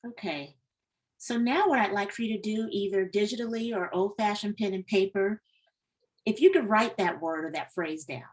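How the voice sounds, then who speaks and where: A woman facilitating an online training session, giving gentle, guiding instructions over a video call. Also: mid-range voice, normal speed, rough recording. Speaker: workshop facilitator.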